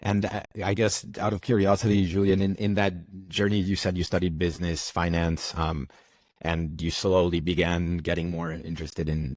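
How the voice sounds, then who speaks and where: Deep-voiced male podcast host. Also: no echo. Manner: repeats words while phrasing questions. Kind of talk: interview questions.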